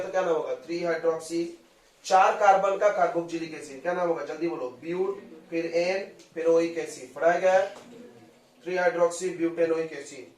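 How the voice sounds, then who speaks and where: A man lectures on chemistry to a class, prodding students with quick questions and repeating key terms. His voice sits a little high and sounds roomy, picked up from some distance away from the mic. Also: a little hiss or hum. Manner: coaxing, drills students with questions. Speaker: chemistry teacher.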